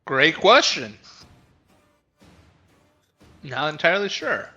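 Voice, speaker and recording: Male player, high animated pitch, bright slow playful delivery. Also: muffled recording, soft background music. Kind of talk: casual chat at a game table.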